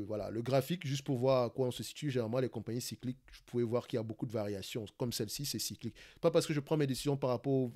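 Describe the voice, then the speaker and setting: A man with a Cameroonian French accent who hosts an investing channel, talking quickly through a live screen-share stock analysis, often restarting phrases and checking in with "d'accord?". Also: medium pitch, a little mellow. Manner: fast talker, searches for words, many restarts and "d'accord?".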